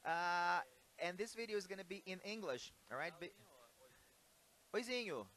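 A man's voice: high voice, expressive, normal speed, pushed and bright. A man, hosting in an upbeat, playful way. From Brazil. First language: Portuguese. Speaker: host. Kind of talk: casual video chat. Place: hotel room.

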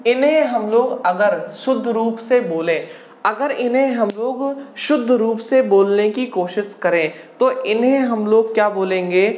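A woman's voice: mid-range voice, darkish tone, slight background noise. A woman teaching an exam-prep language lesson, drilling the class with questions she answers herself. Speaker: Hindi teacher. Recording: echoey room.

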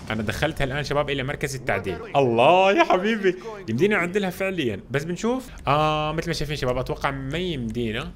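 Rapid-fire excited male gamer. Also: on the high side. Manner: excited, chatty, keeps addressing viewers as guys. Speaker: gaming channel host. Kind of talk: casual let's play commentary. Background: game sounds and music.

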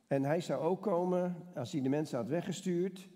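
Male preacher, sermon style, mellow tone, long reverb of a church hall. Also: on the high side, normal speed. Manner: conversational, asks the congregation questions. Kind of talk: sermon with Bible reading.

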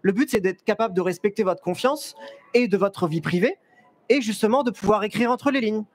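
A young man talks to a fair audience from a stage, his high voice picked up by a headset mic. He is chatty and lively, often restarting his sentences and joking with the crowd. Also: brisk. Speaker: photographer giving a talk. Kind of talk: live stage presentation. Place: stage at a trade fair, large indoor hall.

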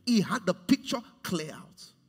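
A man in his forties preaching a sermon on a large church stage, swinging from hushed to loud. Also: high-pitched, big pitch swings, a little slow, slightly rough, big-room sound. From Nigeria. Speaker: pastor.

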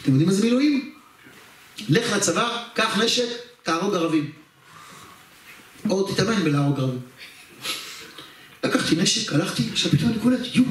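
A man's voice: on the high side, a little hiss or hum. A man, a rabbi, telling a personal story during a religious talk, addressing the audience directly and acting out the scenes. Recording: very echoey hall, far from the mic.

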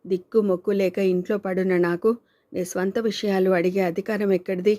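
A woman's voice: medium pitch, flat delivery, fairly quick, dark tone, dry recording, clean studio sound, lightly acted. A woman voicing a caring, outspoken young woman who speaks in a pleading, reproachful way.

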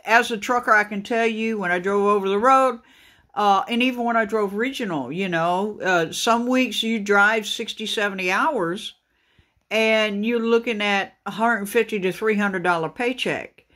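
A man, a truck driver, talking casually and haltingly to his viewers, with many fillers and restarts. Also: sits high, bright, forceful tone. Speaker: trucker vlogger. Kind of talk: casual talk to camera. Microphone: phone camera pointed at a laptop screen.

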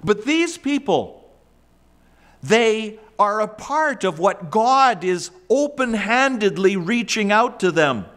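Slow, earnest middle-aged male preacher. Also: big pitch swings. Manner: emphatic preaching with wide swings in pitch and loudness, gesturing. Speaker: pastor. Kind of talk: sermon. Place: church sanctuary, indoors.

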